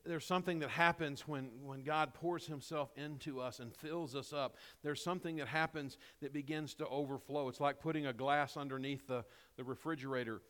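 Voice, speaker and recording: A male pastor giving a sermon, his voice going hoarse, with passionate, emphatic preaching that drops to quiet, low asides. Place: church sanctuary. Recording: long reverb of a large hall.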